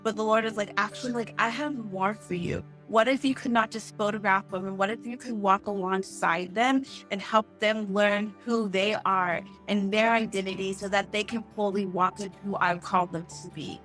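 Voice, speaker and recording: A woman's voice: medium pitch, steady tone, moderate pace, few pauses, fairly bright tone, soft background music. A young woman guest in a conversational interview, speaking earnestly with frequent "like" fillers. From born in Haiti, raised in East Africa and the US. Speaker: podcast guest.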